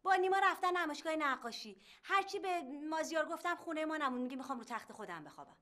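A woman's voice: high voice, lively intonation, fairly bright tone. An actress playing a bossy older sister who scolds her brother, in TV sitcom acting. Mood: scolding.

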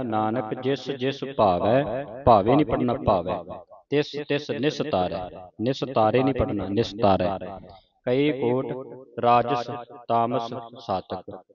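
A man teaches how to pronounce scripture, reciting each line and then pausing to correct single words. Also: medium pitch, dull audio. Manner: recites a verse, then stops to correct a word slowly. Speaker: Gurbani pronunciation teacher.

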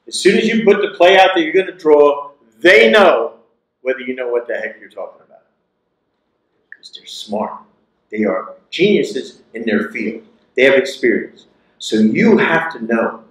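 A man in his sixties delivers a motivational keynote through a lapel mic, speaking emphatically and repeating his key phrases. His voice is medium-pitched and expressive at a moderate pace, and the large lecture hall makes the recording echoey.

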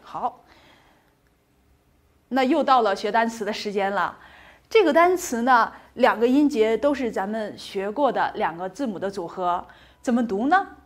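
A woman teaching pronunciation in a slow, unhurried lesson, with a voice sitting a little high. She is patient and encouraging, saying each sound twice and answering her own questions to the class. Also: expressive. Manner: asks the class questions and answers them herself. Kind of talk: recorded language lesson.

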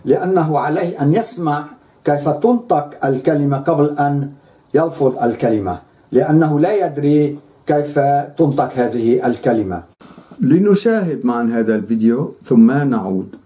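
A man's voice: on the high side, lively intonation, normal speed, mellow. A man giving a lecture, speaking emphatically and repeating words for stress.

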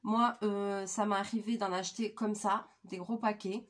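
A woman in her thirties with a voice hoarse from flu, chatting informally and with slang as she presents a craft tutorial. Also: mid-range voice, steady tone, moderate pace. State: hoarse, croaky from flu, coughing. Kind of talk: casual craft tutorial chat. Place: small attic room indoors.

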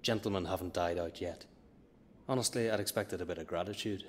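A man's voice: sits low, fairly quick, a little hiss or hum, close to an everyday voice. An actor voicing a cocky, sardonic young male adventurer in a video game, with a dry, sarcastic delivery.

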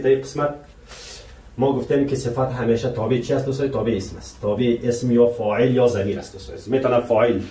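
Teaching French grammar in Persian, this man keeps posing rhetorical questions to his viewers, whom he calls dear friends, and says the French examples slowly and carefully. His voice is mid-range and warm, and the roomy recording places him a bit far from the mic.

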